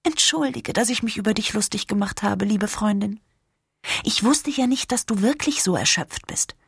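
A woman voicing an excitable young woman, a best friend, with a high squealing voice. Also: normal speed, vocal fry, slightly rough, no echo, clean studio sound, heavily acted. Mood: tender.

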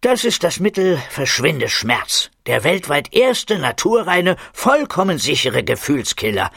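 Brief: greedy, secretive lab scientist in a storybook, gloating and lively, read by a male narrator. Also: on the high side, a little slow, creaky, slightly rough, no echo, studio quality, pitched above the performer's own voice, full character voice. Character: scheming middle-aged male scientist uncle, greedy and excitable.

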